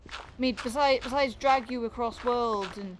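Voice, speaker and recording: A woman's voice: a little high, normal speed, background noise. A woman chatting casually while playing, distracted and thinking aloud as she builds. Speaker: gamer on a co-op stream. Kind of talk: casual game chat.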